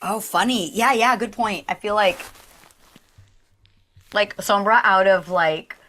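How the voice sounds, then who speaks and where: Woman, voice actress, guest interview, naturally low voice, animated, casual, lots of fillers. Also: measured pace. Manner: animated, slips into character voices, filler-heavy.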